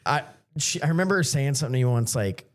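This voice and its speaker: A man's voice: mid-range voice, lively intonation, fast talker. A young man, co-hosting a casual podcast. He tells stories in a sarcastic, self-mocking way and swears freely. His talk stays loose and conversational. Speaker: podcast co-host.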